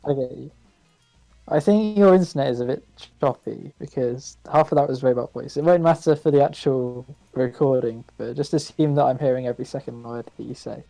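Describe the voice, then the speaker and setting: A man co-hosting a casual podcast chat over a voice call, talking quickly and chattily. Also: mid-range voice, vocal fry, mellow, no room sound, faint music behind, poor audio. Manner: quick, chatty, laughs easily. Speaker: podcast co-host. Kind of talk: casual chat about a board game.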